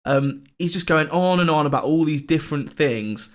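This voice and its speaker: A man's voice: on the high side, moderate pace. Giggly young man reading out news. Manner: laughs often while reading news stories aloud, sweary. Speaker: podcast co-host. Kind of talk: casual podcast chat.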